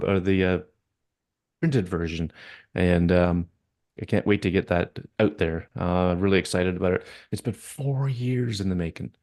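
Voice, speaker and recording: A man's voice: low voice, a little mellow. A man with a Canadian accent hosting a podcast in casual chat, rambling with many fillers and restarts. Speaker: podcast host.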